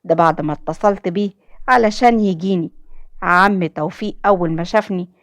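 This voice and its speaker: A woman's voice: lowish voice, brisk, no echo. Heartfelt young woman with an Egyptian accent. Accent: Egyptian Arabic. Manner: emotional, heartfelt. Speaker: storyteller. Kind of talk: first-person dramatic story narration.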